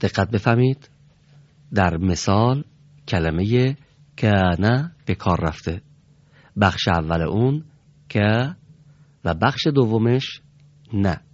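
In this classroom instruction, a low-voiced man leads a Quran reading class, patient and formally polite yet animated. He pauses often as he carefully sounds out letters for his students to repeat, and the recording is dull and lo-fi.

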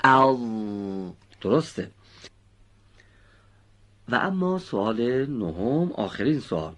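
A man's voice: medium pitch, sing-song, slightly rough. A man teaching children how to pronounce Quran recitation letters. He explains patiently and precisely and praises his students often.

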